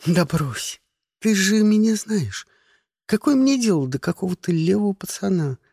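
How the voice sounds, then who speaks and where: A man's voice: high-pitched, fairly even intonation, unhurried, a little mellow, breathy edge, no room sound, studio quality, heavily acted. A man voicing a devilish young woman who talks in a sing-song, feigned carefree way, in an audiobook. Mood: coaxing.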